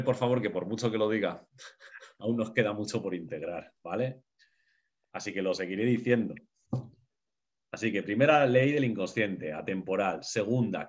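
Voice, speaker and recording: Man, lecturing a group, emphatic, repeats himself, keeps checking in, muffled lo-fi audio. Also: medium pitch. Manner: emphatic, repeats key phrases, checks in with "¿vale?". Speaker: lecturer on the unconscious. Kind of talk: teaching talk to a group. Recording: dull lo-fi recording.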